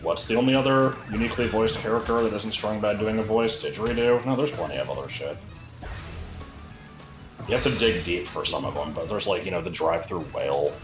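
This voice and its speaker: Young male co-host, low and gravelly with lively swings, wry banter; echoey room, music underneath. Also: brisk. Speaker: stream co-host. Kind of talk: casual gaming stream chat.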